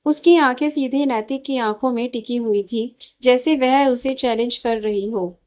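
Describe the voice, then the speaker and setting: Woman narrating a story, fairly high voice. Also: unhurried, darkish tone.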